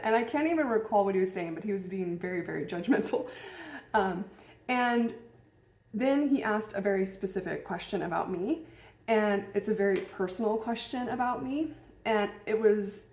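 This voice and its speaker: A woman's voice: medium pitch, normal speed, darkish tone. A woman telling a personal story in a casual, musing way, hesitant and full of fillers and restarts. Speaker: vlogger. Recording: roomy echo.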